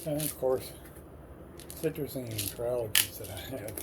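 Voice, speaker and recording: A man's voice: medium pitch, normal speed. A man in his sixties talking plainly and casually to his viewers as a motivational fitness vlogger. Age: 60s. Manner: plain-spoken, addressing viewers as folks. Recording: noisy recording with vehicle ambience.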